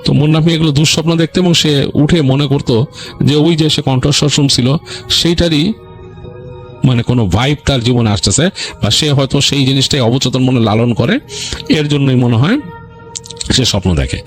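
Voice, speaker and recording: This ghost story narrator on a radio-style show speaks with a Bangladeshi accent and a mid-range voice, at a moderate pace with frequent pauses. He rambles colloquially with explanatory asides while faint music runs underneath.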